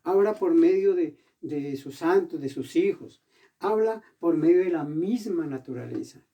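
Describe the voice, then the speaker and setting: A man preaching a sermon in a church, with emphatic bursts, slowing down to read scripture aloud. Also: a little high, lively intonation, warm tone, recorded from a distance.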